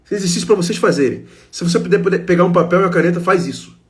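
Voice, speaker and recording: A Brazilian man with a fairly high voice gives a heartfelt self-help talk. He speaks straight to his listeners and drives points home with short, repeated phrases. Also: rapid-fire. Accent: Brazilian Portuguese.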